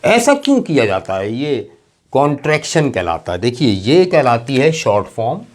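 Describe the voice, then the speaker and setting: A male teacher giving a classroom lecture in a patient, explaining manner. He spells out example words slowly and letter by letter, and keeps checking that his students follow. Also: mid-range voice, huge pitch swings. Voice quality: slow, drawn-out emphasis on example words. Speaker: English teacher.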